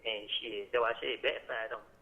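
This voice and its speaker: A man's voice: lowish voice, fairly even intonation, quick pace. A man talking casually and cursing on a prison phone call, rambling and hesitant. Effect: on a prison phone line. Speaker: jail inmate on a call. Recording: muffled phone call recording.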